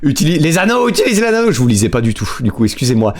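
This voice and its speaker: A man's voice: fairly high pitch, big pitch swings, very fast. A male streamer giving nervous live commentary on a horror game, talking to himself, repeating words and greeting his chat.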